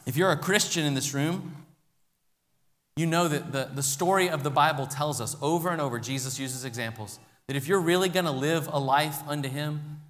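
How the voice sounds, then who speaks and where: Male pastor, high bright voice, earnest sermon delivery with loud peaks and quiet pleas, long church reverb. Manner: earnest preaching that swings from loud emphasis to hushed appeals.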